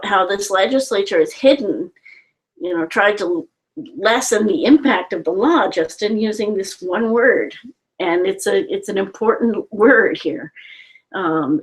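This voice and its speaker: A woman's voice: mid-range voice, low-quality recording. A woman hosting an online talk at home, explaining things step by step in an earnest way, with frequent restarts. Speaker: host.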